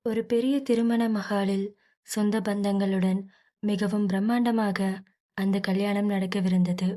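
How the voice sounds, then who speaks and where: Mellow-voiced woman storyteller. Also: mid-range voice, a little slow. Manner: steady, plainly paced storytelling. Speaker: audio novel narrator. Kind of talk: storytelling narration.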